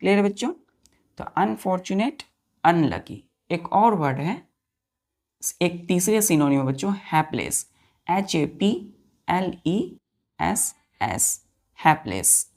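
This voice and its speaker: Gravelly-voiced woman teaching vocabulary. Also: lowish voice, big pitch swings, slow, long pauses, a little mellow. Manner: spells words letter by letter, repeats and quizzes pupils; addresses listeners as children. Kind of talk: classroom-style lesson.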